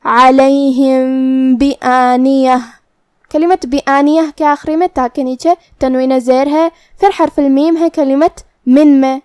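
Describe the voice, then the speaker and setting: A woman with a high, clear voice teaches Quran recitation rules and explains each letter's pronunciation step by step. The recording is dry and close, with no room sound. Her delivery is patient and careful, like a teacher's. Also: steady tone, dark tone, dry recording. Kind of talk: tajweed lesson with slow recitation.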